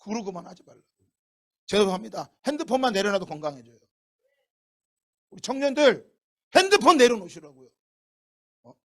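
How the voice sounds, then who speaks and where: A middle-aged male pastor preaching a sermon in a lively way, breaking into shouts and acting out quotes. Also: high-pitched, brisk, long pauses.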